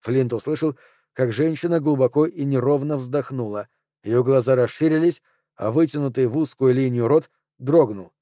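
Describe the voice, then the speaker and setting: A man narrating an audiobook in a measured, steady way. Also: medium pitch, no echo, studio quality.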